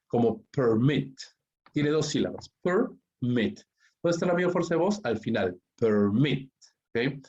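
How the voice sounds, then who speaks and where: A male English teacher explaining grammar rules to students, checking in constantly and slowing down on the English examples. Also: medium pitch, a little mellow, breathy edge, highs cut off. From Peru. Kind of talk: grammar lesson explained in Spanish.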